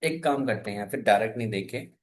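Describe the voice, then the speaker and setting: A man's voice: lowish voice, animated, a little fast. A man teaching a programming class, asking his students questions and waiting for their answers. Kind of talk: classroom coding lesson.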